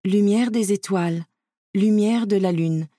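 Gentle, courteous young woman in a storybook; woman narrator voicing her. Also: mid-range voice, measured pace, no echo, studio quality, close to an everyday voice.

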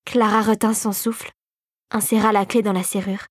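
A woman narrating a children's fantasy audiobook in a steady, clear storytelling voice. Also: medium pitch, normal speed, no room sound, clean studio sound.

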